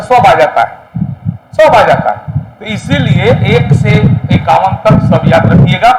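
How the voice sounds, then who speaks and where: A man's voice: sits high, a little hiss or hum, low-quality recording. A middle-aged man with a Bihari Hindi accent, giving a classroom lecture to exam students, emphatic and repetitive, often checking in with them. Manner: emphatic, repetitive, addresses students directly with frequent "है ना?". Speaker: coaching class teacher.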